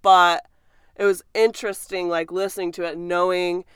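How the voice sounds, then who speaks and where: A woman's voice: lowish voice, flat delivery, normal speed, fairly bright tone, clean tone, dry recording. A woman in her thirties co-hosting a casual podcast, chatty and rambling as she explains things. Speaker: podcast co-host. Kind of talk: casual chat.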